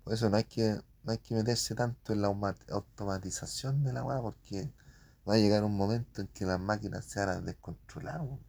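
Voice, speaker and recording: A man's voice: fairly low pitch, fairly quick, creaky, darkish tone. A man with a Chilean accent rambling casually about print shop work, full of slang and spoken sound effects.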